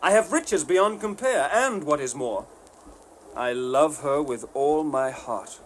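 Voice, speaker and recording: An actor playing an earnest, bold young lad of humble birth, declaiming in an audio storybook. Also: male voice, fairly high pitch, expressive, slow, slight background noise. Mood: bold, ardent. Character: earnest, bold young man, poor tailor's son.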